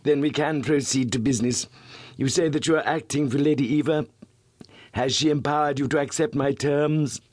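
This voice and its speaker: Man reading as a silky, purring, self-satisfied villain, pitched up, for an audiobook; dry sound. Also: steady tone, moderate pace, a little mellow, dry recording, close to an everyday voice. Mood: suave. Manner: smooth, suave, purring. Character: smooth, suave middle-aged male blackmailer, complacent.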